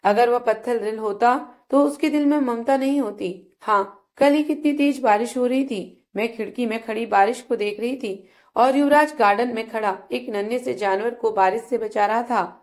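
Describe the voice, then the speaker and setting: A young wife with a fierce temper, played by a woman storyteller in a told family drama. She scolds in short, harsh commands. Her voice is fairly high. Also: moderate pace, darkish tone, close to an everyday voice. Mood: remorseful. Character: young wife, sharp-tempered, later remorseful.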